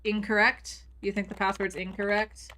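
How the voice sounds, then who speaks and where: Bright-voiced lady streamer, chatty and playful, talking to chat while she plays. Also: mid-range voice, flat delivery, normal speed. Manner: chatty, playful, talks to viewers and reads chat aloud. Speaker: game streamer. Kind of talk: casual live-stream commentary.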